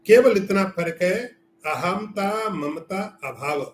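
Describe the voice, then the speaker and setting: Man, spiritual teacher, scriptural lecture, rhetorical questions, fairly high voice, echoey room. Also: lively intonation, takes it slowly, slight background noise. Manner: explains with everyday examples and rhetorical questions.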